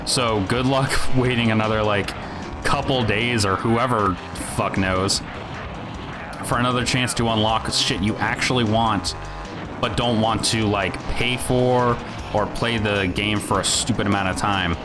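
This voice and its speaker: Grumpy, low-voiced man ranting about games. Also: steady tone, unhurried. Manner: grumpy old man grumbling, self-described crotchety; rambling, sweary, sardonic. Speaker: video game reviewer. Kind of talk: casual, profane gaming rant. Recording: music behind the voice. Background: music.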